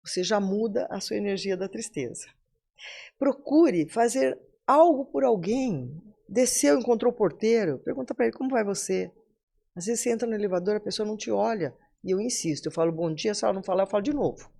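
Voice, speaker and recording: A woman's voice: medium pitch, animated, brisk, vocal fry, warm tone, husky. A woman in her seventies with a Brazilian accent, a podcast guest giving a motivational talk and addressing listeners directly. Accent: Brazilian Portuguese. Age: 70s.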